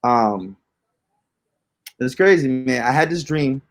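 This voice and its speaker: Telling ghost stories on a podcast he co-hosts, this young man speaks slowly but animatedly in a mid-range voice. He rambles in a casual, slangy way, leaning heavily on fillers.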